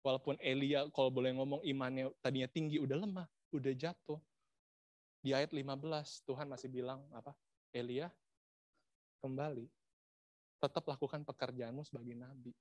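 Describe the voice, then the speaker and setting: A man preaching a sermon, dramatic and swinging from loud to hushed, asking the congregation rhetorical questions and mixing in English phrases. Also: a little high, no echo, clean studio sound.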